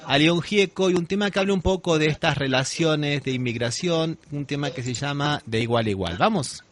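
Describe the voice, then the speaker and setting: A man's voice: on the high side, fairly quick. A man hosting a radio interview, thinking aloud and often checking in with tag questions. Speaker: radio host.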